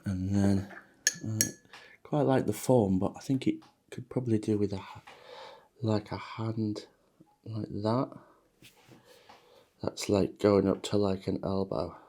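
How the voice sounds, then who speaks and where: A man giving a relaxed, chatty watercolour painting demonstration, talking loosely with plenty of ums as he paints. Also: lowish voice, slow, long pauses. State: a bit shaky from coffee. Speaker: watercolour teacher.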